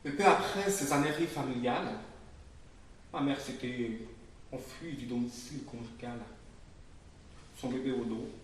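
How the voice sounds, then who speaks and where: A man, the author, reading his own prose aloud in a measured, subdued way. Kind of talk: literary reading. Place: public reading in a literary venue. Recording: very echoey room, voice from far off, faint rumble.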